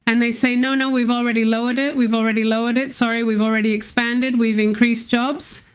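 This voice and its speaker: A woman's voice: a little high, little pitch movement, fairly quick, smooth. A woman co-hosting a live stream, casually recounting comedy sketches and greeting viewers by name. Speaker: co-host of a live news stream.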